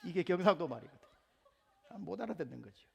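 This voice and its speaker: Gyeongsang-born pastor man preaching, bit gravelly, big echoey church hall. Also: high voice, fast, highs cut off. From Gyeongsang province, Korea. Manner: animated storytelling with humor, acts out quotes. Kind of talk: sermon. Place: church sanctuary.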